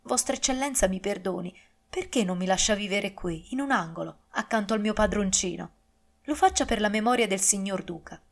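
A woman's voice: mid-range voice, brisk, lightly acted. A humble servant, as a woman narrator reads him, pleads meekly and respectfully. He sounds loyal and downcast in this audiobook reading. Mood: pleading. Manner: meek, pleading.

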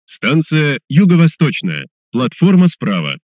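A man making recorded subway announcements as a train announcer, formal, measured and clearly enunciated. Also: fairly high pitch, huge pitch swings, darkish tone, no echo, studio quality.

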